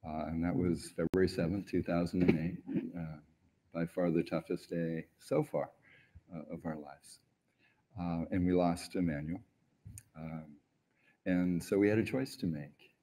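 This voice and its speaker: Middle-aged man, low mellow earnest voice. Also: steady tone, unhurried. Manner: earnest, reflective, frequent hesitations. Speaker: award honoree on stage. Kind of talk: onstage interview storytelling. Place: large event stage, indoors.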